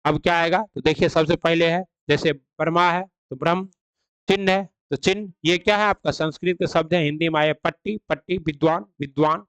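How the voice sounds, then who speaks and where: A man gives an online grammar lesson, setting out each rule and then quizzing the listener with questions he answers himself. His voice is smooth and clear and sits a little high. It is recorded close up in a dry room. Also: fairly even intonation, fairly quick, fairly bright tone, no echo. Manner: explains rules then quizzes with rhetorical questions. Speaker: Hindi grammar teacher. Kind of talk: online exam-prep lecture.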